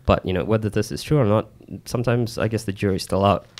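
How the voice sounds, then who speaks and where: A man explaining things informally and haltingly as a podcast co-host, close on a studio mic. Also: on the low side, darkish tone. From New Zealand. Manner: halting, informal, peppered with "you know". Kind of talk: casual explanatory chat. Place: small indoor podcast studio. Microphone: close boom-arm studio mic with headset.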